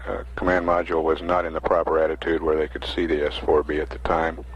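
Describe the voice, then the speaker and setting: A man giving halting, matter-of-fact mission status announcements as a public affairs officer, on a lo-fi 1960s recording. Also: rumbling low, monotone, husky. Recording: dull lo-fi 1960s broadcast recording.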